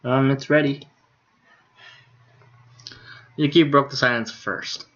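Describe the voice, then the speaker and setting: Reading a visual novel aloud on stream, a man with a mid-range, fairly bright voice keeps an even intonation at normal speed. His casual delivery stumbles over words and includes sworn asides; the audio is a bit dull and lo-fi, with a little hiss or hum.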